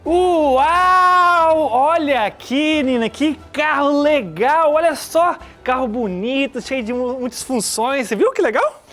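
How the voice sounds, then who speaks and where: Woman as an eager kid brother in a church skit, high, playful, car-obsessed. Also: expressive, a little fast, faint music behind, lightly acted. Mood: excited. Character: excited young boy who loves cars.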